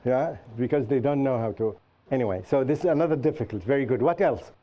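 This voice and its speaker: A man teaches a class in a medium-pitched voice and often turns to his students with questions. He explains patiently and uses examples. The recording sounds dull and lo-fi. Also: quick pace. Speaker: Qur'an teacher and show host.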